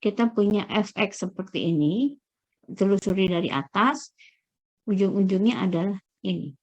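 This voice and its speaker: A middle-aged woman lecturing through slides, explaining step by step with frequent checking pauses and searching fillers. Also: mid-range voice, a little mellow, muffled recording.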